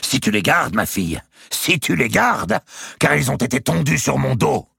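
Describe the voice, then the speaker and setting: A man voicing a tyrannical, gluttonous old countess who shouts and scolds her servant in a shrill voice. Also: very animated, moderate pace, gravelly, slightly rough, dry recording, full character voice. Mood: mocking.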